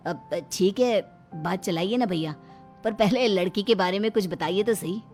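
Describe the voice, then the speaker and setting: A woman's voice: mid-range voice, normal speed, darkish tone, soft background music, lightly acted. A woman voicing an impatient middle-aged husband who orders his wife around. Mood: respectful. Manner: curt, ordering.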